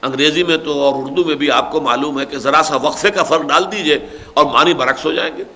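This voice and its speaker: Bright-voiced older man giving a scholarly lecture. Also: fairly high pitch. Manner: explains patiently, recites Arabic verses then paraphrases. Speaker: Quran scholar giving tafseer. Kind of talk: religious lecture.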